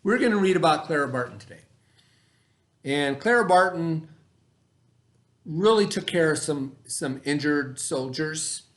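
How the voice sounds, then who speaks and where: Over a remote video lesson from an echoey indoor room, a middle-aged male elementary teacher reads aloud to children and explains casually. His voice is a little high with lively intonation, unhurried and full of pauses. He keeps checking understanding with questions and repeats points.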